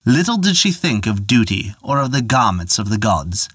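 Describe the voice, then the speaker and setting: A man narrating a folktale in a measured, expressive storytelling manner on a close mic. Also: fairly low pitch, slightly rough, no room sound.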